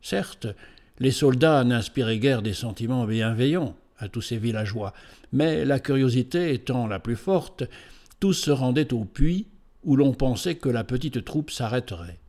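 A man narrates a historical tale in a steady, measured reading voice of middle pitch. His delivery is even and composed, the sound of a scripted storybook narration.

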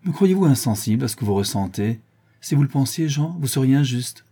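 A man's voice: medium pitch, expressive, a little fast, dark tone, slightly rough, pitched above the performer's own voice. A man reading a novel aloud, voicing a proud, earnest young noblewoman in a raised, pleading tone.

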